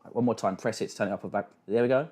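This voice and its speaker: A man's voice: fairly low pitch, very fast, darkish tone. A British man hosting a casual livestream, reacting and reading out chat with sweary, mocking banter. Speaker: livestream host.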